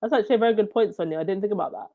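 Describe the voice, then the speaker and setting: A woman's voice: medium pitch, phone-quality sound. Stuffy-nosed woman from Zambia, casual stream chat. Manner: chatty, reacts with quick laughs and "wow". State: stuffy runny nose. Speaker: livestream host reading viewer comments.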